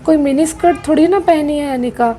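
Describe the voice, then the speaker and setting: Lady doing a soft-spoken peacemaking mom, high voice, doll-play soap drama. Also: brisk, a little hiss or hum, close to an everyday voice, low-quality recording. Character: gentle middle-aged mother, peacemaker.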